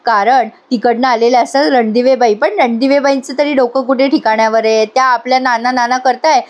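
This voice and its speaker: A woman's voice: on the high side, fairly even intonation, brisk. A woman chattily retelling a TV serial episode, addressing viewers and laughing at scenes. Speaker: serial recap narrator. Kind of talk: chatty storytelling recap.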